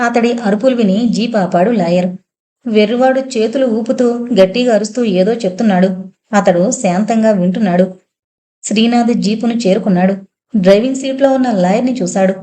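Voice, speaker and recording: A woman's voice: on the high side, warm tone. A woman narrating a novel as an audiobook, reading steadily and evenly.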